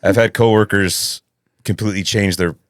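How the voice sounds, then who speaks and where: A man with a low, deep voice chats as a podcast guest. He is a voice actor and comedian who tells stories with a lot of energy and laughs easily. The recording sounds close and dry. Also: normal speed, no echo. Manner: animated storyteller who laughs often. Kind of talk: casual chat.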